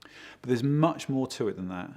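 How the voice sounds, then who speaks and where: A man working as a project consultant, giving steady, explanatory interview answers and leaning on key words. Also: mid-range voice, moderate pace. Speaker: project consultant for a home design firm.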